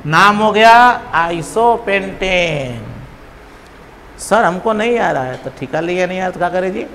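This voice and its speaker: High-voiced teasing teacher, echoing hall. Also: male voice, expressive, quick pace. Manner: teasing, calls students babu, counts aloud, quizzes class. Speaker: chemistry teacher. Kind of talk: classroom lecture. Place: classroom. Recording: long hall reverb, faint room noise.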